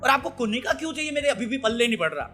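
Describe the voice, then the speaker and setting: A man's voice: very high voice, very animated, rapid-fire, sharp tone, faint music behind. A man giving blunt, heated, sarcastic commentary on a reality show. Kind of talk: ranting commentary.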